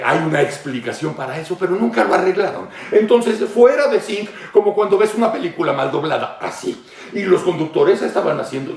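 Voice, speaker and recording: A man with a Mexican accent hosting satirical political commentary, mocking and playful, acting out shouts and laughing often. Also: a little high, echoey room, recorded from a distance. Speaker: host.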